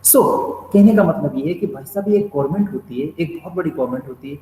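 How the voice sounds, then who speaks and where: A man's voice: fairly high pitch, lively intonation, fast, warm tone. A man giving a classroom lecture, explaining step by step and putting questions to his students, with English phrases mixed in. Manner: explains with repeated questions and "bhai sahab" asides, mixing English phrases. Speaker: teacher. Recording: echoey hall with faint noise.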